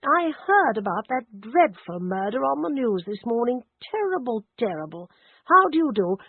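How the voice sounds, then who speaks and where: A gentle old vicar speaks in a mild and apologetic way, and his pitch moves around a lot, as a woman narrator reads him. The voice is a little breathy. The sound is dry and narrow, like a phone line. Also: expressive, moderate pace, no room sound. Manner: mild, soft-spoken, refined.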